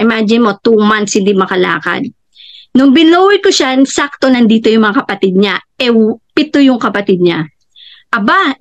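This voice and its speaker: A middle-aged woman giving a personal testimonial, telling her family's story in an animated way and jumping high when she quotes others. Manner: animated, acts out quoted family members with sudden high-pitched jumps. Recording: dull, slightly lo-fi recording.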